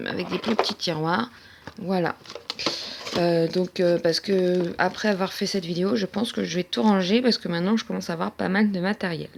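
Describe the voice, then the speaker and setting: A woman's voice: mid-range voice, vocal fry, slight background noise. A woman chatting casually as she shows off her craft-supply haul, hesitating often with fillers. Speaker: crafting vlogger. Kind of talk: casual haul show-and-tell. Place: at home.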